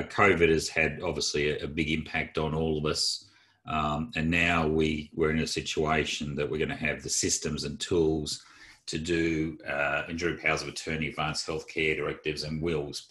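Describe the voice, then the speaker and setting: A man's voice: rumbling low, a bit bright. A man giving a casual, rambling talk to a group of financial professionals, open and chatty, with lots of fillers and restarts. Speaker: presenter of a training session for advisers.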